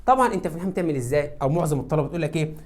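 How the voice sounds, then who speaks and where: Egyptian guy teaching english really fast, keeps asking the class stuff then answering it himself. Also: fairly high pitch. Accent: Egyptian Arabic. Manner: lively, asks students questions and answers them himself. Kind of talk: classroom lesson explaining exam answers.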